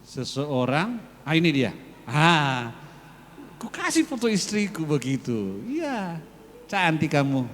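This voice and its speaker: A man leading a congregation, coaxing and repeating phrases slowly for emphasis while calling out to the men. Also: fairly high pitch, big pitch swings, a bit bright, slight background noise. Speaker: worship leader addressing the congregation. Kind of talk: lively sermon-style exhortation. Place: large church hall. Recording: long church hall reverb.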